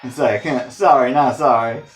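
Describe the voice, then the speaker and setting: A man's voice: medium pitch, a little slow. A man giving playful let's-play commentary while he games, teasing the bosses and throwing in silly exclamations. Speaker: gamer. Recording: echoey room with game music. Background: game music.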